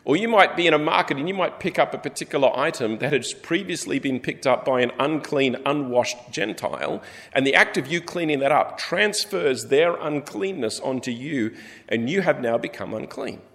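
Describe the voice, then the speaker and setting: Aussie guy preaching, lively storyteller, big echoey hall. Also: mid-range voice, normal speed. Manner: animated storytelling, acts out characters. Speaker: pastor. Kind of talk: sermon. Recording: long hall reverb.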